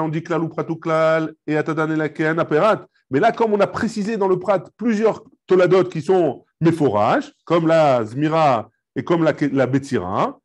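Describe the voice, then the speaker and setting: Man teaching a Talmud class. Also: fairly high pitch. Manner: explains and checks with students often; mixes Hebrew and Aramaic terms into his speech. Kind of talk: live Talmud class with students.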